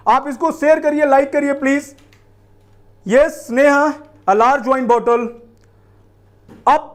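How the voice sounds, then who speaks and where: A male teacher with a very high voice leads a live online vocabulary class. He speaks slowly and deliberately, stretching his words and switching between Hindi and English as he answers viewers one by one.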